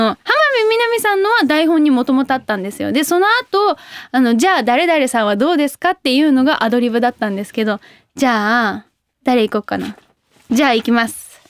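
A young woman hosting a radio show, chatting casually and reading listener mail with bubbly, excitable reactions. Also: fairly high pitch, no echo, clean studio sound. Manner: bubbly, excitable, quick exclamations.

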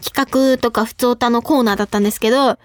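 Speaking quickly in a slightly high voice, a young Saitama woman runs a radio program, giggling and bubbly as she tells animated stories and reads letters from listeners. The studio microphone picks up no room sound.

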